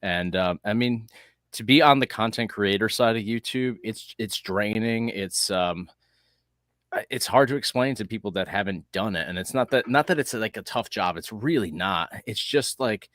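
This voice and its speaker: A man with a very deep voice hosting a relaxed livestream conversation. He rambles and thinks aloud, restarting sentences as he goes. The recording is dry with no room sound. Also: normal speed, dry recording. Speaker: host. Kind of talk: casual livestream chat.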